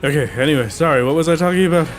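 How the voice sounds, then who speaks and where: A man's voice: fairly high pitch, rapid-fire, faint music behind. An Irish man chatting casually on a live game stream, rambling with lots of "like" and "uh" fillers. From Ireland. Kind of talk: casual live-stream chat while gaming.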